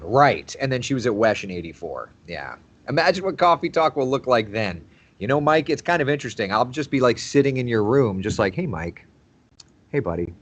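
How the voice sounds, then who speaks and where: A man in his thirties, a TV meteorologist hosting a casual livestream, chatting and reading out viewer comments. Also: fairly low pitch. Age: 30s. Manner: chatty, laughs easily, repeats phrases. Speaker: TV meteorologist host.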